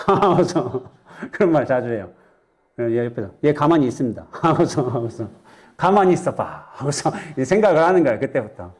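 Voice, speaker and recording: Mellow-voiced monk giving a joking dharma talk. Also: male voice, medium pitch. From Chungcheong, Korea. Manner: chatty, joking asides, quizzes the audience. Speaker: Buddhist monk lecturer. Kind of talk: dharma lecture to a lay audience. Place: temple lecture hall with audience.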